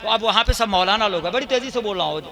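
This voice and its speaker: A man preaching at a religious gathering, switching between loud, drawn-out chanted verses and conversational storytelling. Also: sits high, lively intonation, vocal fry. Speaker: Islamic preacher. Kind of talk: sermon with storytelling.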